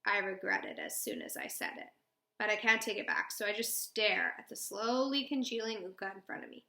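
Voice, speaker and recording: A woman reading a children's novel aloud, expressive and lively in her narration, in a roomy echo. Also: mid-range voice, a little fast, vocal fry. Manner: expressive, voicing a girl's emotions. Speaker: read-aloud host.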